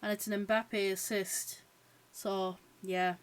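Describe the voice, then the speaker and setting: Slow and level, at a medium pitch, a woman with an Irish accent hosts a live watch-along stream. She chats casually, reacts to the match, reads viewer messages aloud and fills gaps with plenty of "um" and "yeah."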